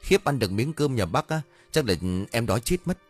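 A man's voice: mid-range voice, big pitch swings, fairly quick, slightly rough, faint music behind, voice pushed up. A man voicing a cheeky, greedy young man who whines and complains. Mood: whiny cheeky. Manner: whining, complaining, mocking.

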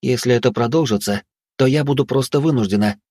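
A man's voice: mid-range voice, fast talker, darkish tone, husky, dry recording, clean studio sound, voice pushed up, lightly acted. A man voicing a strict, fretful young woman who heads the student group, pleading and exasperated. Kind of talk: audiobook character voice.

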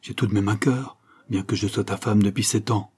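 A man's voice: on the low side, steady tone, brisk, a little mellow, breathy edge. A man voicing a weary, tearful working wife who speaks plaintively and weakly. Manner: plaintive, sighing, weak.

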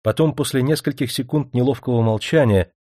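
A man's voice: medium pitch, a little fast, warm tone, no echo, studio quality. A man narrating an audiobook in the first person, reading with dramatic feeling. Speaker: audiobook reader.

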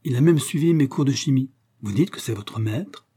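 Guy voicing a kind old professor, courteous, mellow husky voice, audiobook. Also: mid-range voice, animated, moderate pace, pitched above the performer's own voice. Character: old kindly male chemistry professor.

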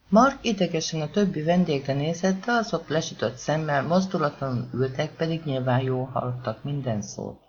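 Guy reading an audiobook, very lively pitch, kinda dull lo-fi sound. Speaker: audiobook narrator. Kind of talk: scripted narration of a crime novel.

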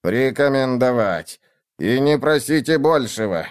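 A man's voice: medium pitch, lively intonation, a little slow, clean tone, dry recording, studio quality, natural voice. A man voicing a frightened, pleading quartermaster who whines in an audiobook. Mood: pleading fearful. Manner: whining, pleading. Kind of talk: audiobook character voice.

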